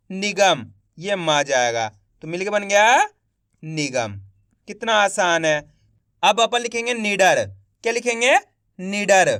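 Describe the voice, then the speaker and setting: A man teaching Hindi letters, slowly spelling out words syllable by syllable and quizzing the viewer. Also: high voice, fairly bright tone, no room sound, clean studio sound. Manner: quizzes viewers with repeated questions. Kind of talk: Hindi literacy lesson.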